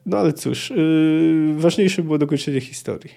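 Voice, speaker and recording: A man's voice: on the high side, normal speed, creaky, dark tone. A man hosting a book podcast, thinking aloud with frequent hesitations and restarts. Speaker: podcast host. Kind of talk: casual book discussion.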